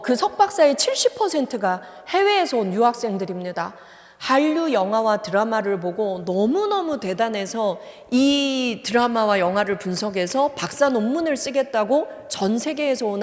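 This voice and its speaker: A woman psychology professor giving a church seminar lecture. She asks her audience questions and acts out the lines she quotes. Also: medium pitch. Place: church hall. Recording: long-reverb church hall.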